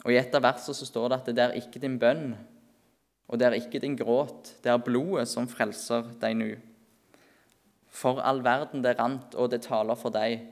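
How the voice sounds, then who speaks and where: A man preaching an earnest sermon at a church meeting, often slowing and softening his voice for emphasis. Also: mid-range voice, little pitch movement.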